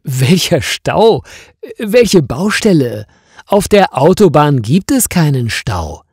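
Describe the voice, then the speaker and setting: A man's voice: medium pitch, big pitch swings, slow pace, vocal fry, a little mellow, husky, dry recording, studio quality, full character voice. A man reading a story voices a confused husband, asking surprised questions in a slightly raised voice. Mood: baffled. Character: baffled husband, calm but confused.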